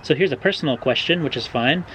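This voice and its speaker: A young American man from Oregon casually answering viewer questions in a vlog, relaxed and hedging with frequent ums and uhs. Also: on the high side, quick pace, low-quality recording. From Oregon, USA. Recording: faint background noise.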